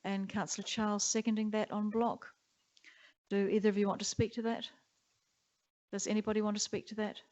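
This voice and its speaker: A woman chairing a council meeting, running through motions and votes in a brisk, procedural way. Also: mid-range voice, flat delivery, darkish tone. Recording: dull muffled council chamber audio.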